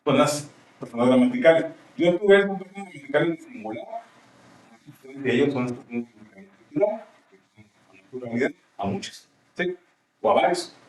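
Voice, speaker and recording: Guy teaching a class, higher voice, sounds far from the mic in a big echoey room. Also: lively intonation, brisk, long pauses, a little mellow. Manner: explanatory, asks frequent checking questions. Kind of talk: classroom lecture.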